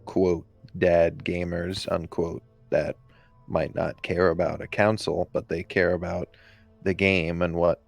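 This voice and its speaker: Gravelly deep-voiced joking man. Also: little pitch movement, a little slow, faint music behind. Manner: joking, sarcastic. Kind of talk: casual voice chat Q&A.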